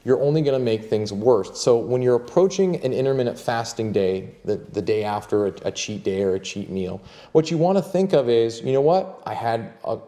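A man's voice: medium pitch, dark tone. A young man who coaches fitness, giving upbeat advice in a vlog and checking in with the viewer with "all right?" as he goes.

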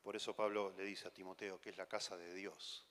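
A man with an Argentine accent delivers a conference sermon in a low voice. He talks in a conversational, teasing way, firing off rhetorical questions. His voice trails off into a long hall reverb. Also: little pitch movement, fairly quick, fairly bright tone. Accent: Argentine Spanish. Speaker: preacher.

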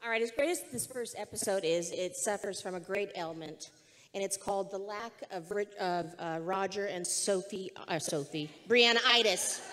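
A woman's voice: mid-range voice, normal speed, a bit bright, big-room sound. A woman moderating a festival panel, asking playful, pressing questions. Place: festival stage.

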